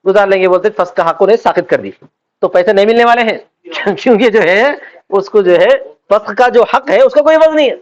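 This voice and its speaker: High-pitched guy lecturing a class, keeps asking if they got it, dull lo-fi sound. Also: animated. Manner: asks students constant check questions; acts out quoted speech in everyday voices. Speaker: religious teacher. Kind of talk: classroom lecture on Islamic law.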